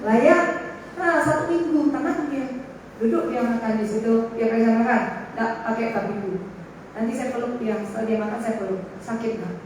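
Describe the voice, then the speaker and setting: A middle-aged woman pastor preaching a lively sermon, acting out talks with her child and calling for amens. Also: a little high, normal speed. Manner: lively preaching, acting out family dialogue, calls for amen. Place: church hall. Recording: very echoey hall from far off, faint noise.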